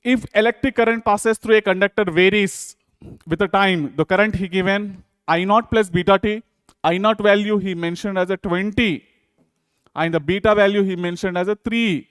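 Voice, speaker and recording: A man with an Indian accent lectures on physics, working step by step through exam problems and repeatedly checking in with students. His voice sits high with fairly even intonation at a normal speed, and it sounds fairly bright, clear and resonant on a dry recording.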